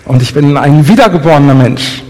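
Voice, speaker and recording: A man interpreting a sermon live, rephrasing quickly with some hesitation. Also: fairly high pitch, animated, a little mellow. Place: church hall. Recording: long church hall reverb.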